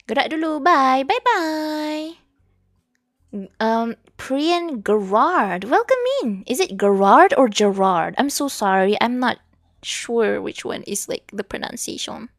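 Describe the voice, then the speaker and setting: A woman's voice: fairly high pitch, lively intonation, measured pace, vocal fry, no room sound. A young Malaysian woman streaming while she studies, chatting casually with viewers and reading their messages aloud. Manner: chatty, mixes English and Malay, reads chat aloud. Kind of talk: casual study stream chat.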